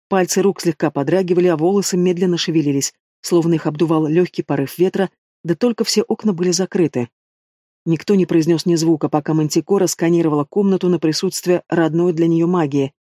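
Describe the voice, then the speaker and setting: A man narrating an audiobook in steady scripted storytelling. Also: on the high side, no room sound, clean studio sound.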